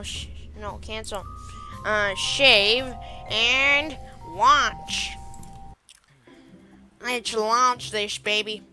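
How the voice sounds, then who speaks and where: Woman let's-player, fairly high voice, easily annoyed narration over faint game music. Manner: easily frustrated, mutters at the game. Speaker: gameplay commentator. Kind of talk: casual let's-play commentary.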